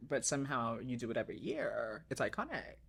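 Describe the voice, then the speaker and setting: A woman's voice: a bass voice, big pitch swings, a little fast, gravelly, background noise. A young woman co-hosting a podcast, chatting casually and tossing off playful quips. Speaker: podcast co-host. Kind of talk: casual chat.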